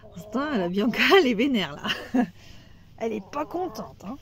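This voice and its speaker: A woman's voice: a little high, expressive, normal speed. A woman vlogging at her chicken coop, talking to her hens in an affectionate, coaxing way. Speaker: home vlogger. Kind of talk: casual vlog chat.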